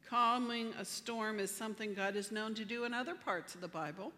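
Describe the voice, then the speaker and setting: A woman pastor delivering a sermon, with measured, emphatic phrasing. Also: on the high side, bright, forceful tone, big-room sound. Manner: measured, emphatic preaching with slow deliberate phrasing.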